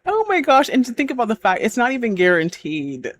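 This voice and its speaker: A woman's voice: a little high, huge pitch swings, a little fast, dry recording. A woman hosting a reaction video, chatting casually, exclaiming and laughing often as she reacts.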